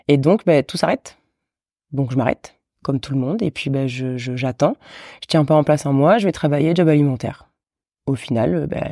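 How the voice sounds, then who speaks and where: Thirtysomething woman telling her story, lively, lots of restarts, mellow voice. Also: sits low, dry recording, studio quality. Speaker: guest, wedding officiant. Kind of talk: casual podcast chat.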